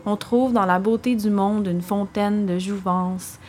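A woman's voice: medium pitch, steady tone, a little slow, dark tone, a little hiss or hum. A woman performing spoken-word poetry in terse, punchy phrases with defiant bursts. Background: music.

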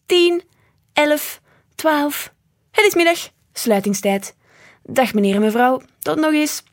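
A woman voicing a burly old grandfather shopkeeper who grumbles calmly and never gets ruffled. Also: on the high side, unhurried, lightly acted. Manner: grumbling, unflappable.

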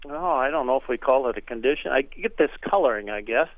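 A man's voice: medium pitch, expressive, quick pace, no echo. Joking man on a tinny phone line. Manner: folksy, joking storyteller. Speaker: regular birding guest on a radio show. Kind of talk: casual radio chat.

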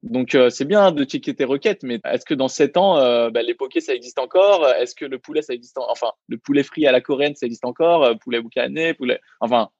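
A man co-founder of a restaurant chats on a podcast, hesitant and full of restarts. His voice sits at a middle pitch. The recording is dry and a little dull. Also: darkish tone, no room sound. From Vietnamese heritage, raised in France. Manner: halting, many fillers and restarts. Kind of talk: casual podcast interview.

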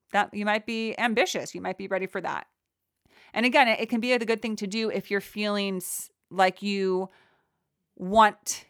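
A young woman talks through a reflective solo podcast in a soft, encouraging voice of middle pitch. She wanders and restarts, filling her talk with "like" and "you know." The sound is dry and close, with no room around it. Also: dry recording. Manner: gentle, encouraging, rambling with many fillers. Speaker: podcast host.

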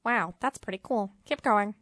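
A woman voicing a curt, dismissive male rock bassist in a lightly acted comic skit, recorded on a dry studio mic. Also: normal speed, fairly bright tone, dry recording, natural voice. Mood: grudging. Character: rude, dismissive famous male bass player.

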